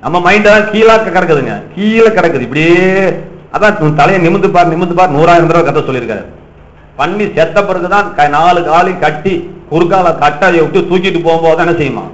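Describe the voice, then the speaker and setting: A man's voice: a little high, quick pace, reverberant, dull audio. A male pastor preaching a sermon in a teasing, questioning manner, calling on the congregation for applause and amens.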